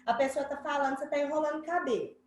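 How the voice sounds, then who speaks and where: A woman's voice: high-pitched, racing, reverberant, a little hiss or hum, low-quality recording. A woman teacher with a Brazilian accent explaining a lesson to children, playful and acting out examples. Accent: Brazilian Portuguese. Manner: playful, acts out examples in shifting voices. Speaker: schoolteacher. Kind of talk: online class explanation to children.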